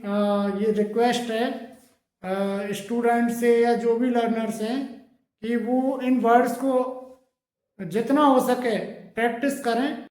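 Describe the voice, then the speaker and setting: A man teaching English pronunciation, spelling words out letter by letter and repeating the correct forms, often pausing with fillers. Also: very high voice, a little mellow. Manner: frequent hesitation fillers. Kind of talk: pronunciation lesson. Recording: echoey room.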